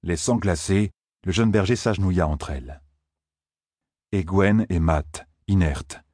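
Male audiobook narrator, low and husky, steady measured delivery. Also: no echo, clean studio sound.

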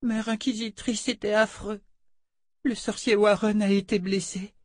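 A tearful little girl from a storybook, high and fragile, as a man reading aloud puts her on. She sounds plaintive and hurt, clinging to comfort. The recording is close and dry with no room around it. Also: flat delivery, unhurried, darkish tone, no room sound.

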